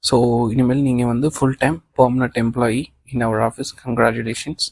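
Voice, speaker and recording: A man reading the lines of a kind male office boss in an audiobook of a novel, calm and reassuring, mixing in English phrases. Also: medium pitch, drawn-out words, creaky, a little hiss or hum.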